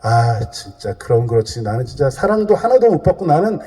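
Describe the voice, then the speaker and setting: A man's voice: mid-range voice, big pitch swings, fairly quick, mellow, close to an everyday voice. A man voicing a resentful condemned thief who mutters and swears under his breath, heard with long church reverb. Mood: bitter grumbling. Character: bitter condemned male thief, grumbling and self-pitying.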